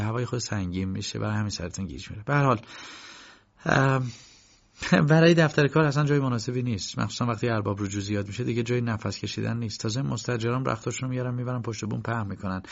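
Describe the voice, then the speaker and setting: A man reading an audiobook and voicing a flustered, helpful young woman who works as a clerk, talking in a quick, fussing way. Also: mid-range voice, creaky. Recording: dull lo-fi recording.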